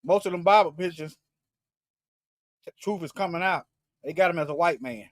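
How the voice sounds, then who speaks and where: A man preaching fervently in a livestream, repeating himself and restarting phrases, swinging between loud emphatic bursts and low asides. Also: normal speed, no echo, clean studio sound. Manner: fervent, repetitive, with frequent restarts. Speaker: online Bible teacher.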